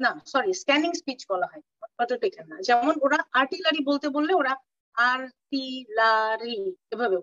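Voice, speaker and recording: A woman gives an online clinical lecture, slowing down to spell out medical terms and stopping to ask if everyone follows. She sounds set back from the mic on a dull, lo-fi call with a dry, dead sound. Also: high-pitched, fairly bright tone, no room sound. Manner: explains terms slowly, mixing English terms, checks understanding. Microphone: video call. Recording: distant, dull lo-fi audio, dry.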